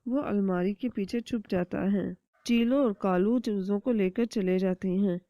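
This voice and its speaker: A woman narrating a children's cartoon story in a steady storytelling manner. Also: medium pitch, no room sound. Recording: dull dry lo-fi recording.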